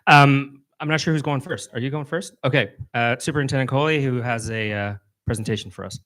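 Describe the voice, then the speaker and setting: A man's voice: mid-range voice, brisk, a bit bright. A man hosting a community meeting, briefly introducing the speakers. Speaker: meeting host.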